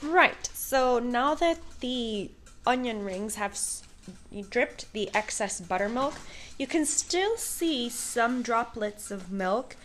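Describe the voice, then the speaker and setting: A woman's voice: a little high, lively intonation, slow pace, fairly bright tone. A young woman, the daughter, hosting a casual cooking vlog from a home kitchen with a bubbly, playful manner. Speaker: vlogger, daughter.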